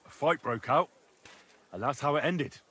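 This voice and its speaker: Game role: a young investigator, husky, slightly high voice, earnest. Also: male voice, normal speed, fairly bright tone. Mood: accusing. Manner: earnest, matter-of-fact. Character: young man accuser, investigator presenting evidence.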